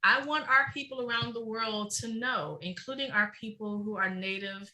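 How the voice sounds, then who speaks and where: Woman, middle-aged, emphatic, fast-flowing, very bright tone, interview guest. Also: a little high, low-quality recording. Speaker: guest, researcher. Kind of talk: podcast interview.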